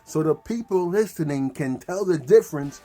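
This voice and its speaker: A man's voice: fairly high pitch, expressive, moderate pace, warm tone, faint music behind. A man teaching ventriloquism in an upbeat, slangy, chatty way. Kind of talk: casual tutorial.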